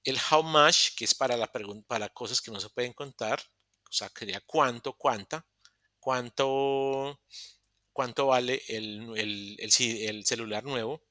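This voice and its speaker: Guy teacher explaining grammar over a video call, bright crisp voice, dry close sound, goes step by step and repeats himself. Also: medium pitch, measured pace, no room sound. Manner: explains step by step, repeats phrases, self-corrects. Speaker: English teacher. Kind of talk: online class explanation. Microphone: computer microphone in a virtual session.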